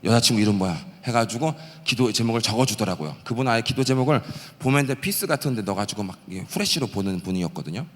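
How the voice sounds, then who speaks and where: A man in his late thirties from the Gyeongsang region preaching a testimony sermon, telling his story with animated energy and acting out the prayers and shouts he quotes. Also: medium pitch, fast, hardly any pauses, in a large hall. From Gyeongsang region, South Korea. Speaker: pastor and missionary. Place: church sanctuary.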